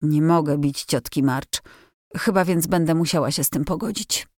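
A woman's voice: deep voice, moderate pace, darkish tone, dry recording, studio quality, close to an everyday voice. A woman voicing a spirited, blunt teenage girl in a storybook reading, asking eager questions. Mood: lively.

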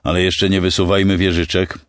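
A male audiobook narrator voicing a calm starship commander who gives orders in a measured, commanding way. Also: sits low, dry recording, studio quality, close to an everyday voice. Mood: steady. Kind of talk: audiobook character voice.

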